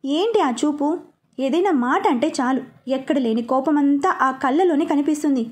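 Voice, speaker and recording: A woman narrating a romantic story in a calm, even storytelling manner. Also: sits high, normal speed. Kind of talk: scripted narration.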